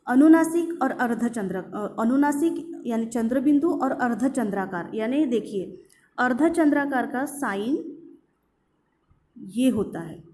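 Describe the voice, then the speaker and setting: Woman teaching grammar, mellow voice. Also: on the high side, slight background noise. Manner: explains slowly, repeats examples, asks rhetorical questions; mixes English words into Hindi. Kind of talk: online grammar lesson.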